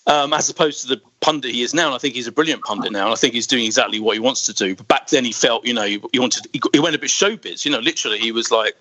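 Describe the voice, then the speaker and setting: A man's voice: medium pitch, very fast, few pauses, bright, forceful tone, dry recording, poor audio. A man in his forties hosting a podcast, talking enthusiastically and stumbling over his words in casual chat. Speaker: podcast host.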